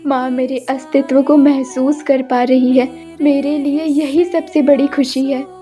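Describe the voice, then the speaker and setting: A woman voicing a sorrowful young woman cursed into a flower, speaking a soft, longing inner monologue over background music. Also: high-pitched, little pitch movement, a little slow. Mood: tender relief. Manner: wistful, soft, inward monologue. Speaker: voice actor. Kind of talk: dubbed cartoon acting.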